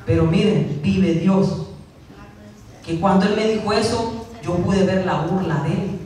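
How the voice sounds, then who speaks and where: A man's voice: high voice, unhurried, a little mellow, very echoey, distant mic, poor audio. A man preaching a sermon as pastor, repeating key lines and acting out quotes. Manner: preaching with repetition and acted-out quotes. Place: church.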